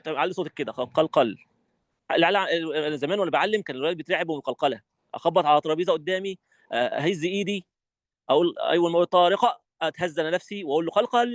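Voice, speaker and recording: A man with an Egyptian accent teaches recitation to fellow teachers at a rapid clip, his voice sitting a little high for a man. He speaks with animated, demonstrative energy, and the dry, close sound has no room echo. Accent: Egyptian Arabic. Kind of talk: online teacher training lesson.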